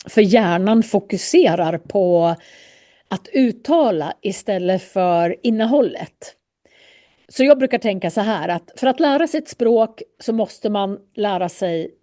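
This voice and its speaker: A woman teaching a language lesson, calmly explaining ways to study and repeating sounds to demonstrate them. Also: mid-range voice. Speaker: Swedish teacher.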